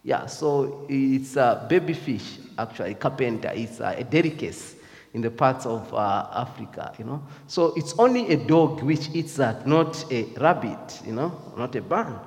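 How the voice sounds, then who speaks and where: A man's voice: mid-range voice, expressive, normal speed, darkish tone, long reverb tail. A man with a Zambian accent giving a reflective devotional talk, hesitant and full of fillers. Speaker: speaker.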